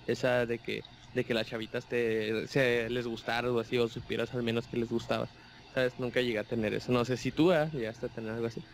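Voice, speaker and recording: Young Mexican man, animated storyteller in a casual chat, light background hiss. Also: medium pitch, fairly quick. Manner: animated storyteller, acts out voices of others.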